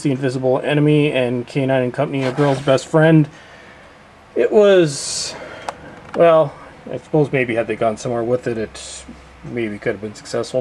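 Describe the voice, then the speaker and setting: Guy chatting through his collection shelf, mid-pitched voice, faint room hum behind, stretches the titles out. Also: a little mellow, poor audio. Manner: chatty, drawls out each title slowly. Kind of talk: casual collection walkthrough.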